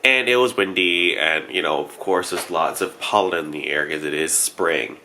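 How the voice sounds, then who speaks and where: Casual deep-voiced man vlogging. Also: moderate pace, bright, forceful tone, a little hiss or hum. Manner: rambling, laughs often, self-correcting. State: congested from allergies. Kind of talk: casual chatty vlog.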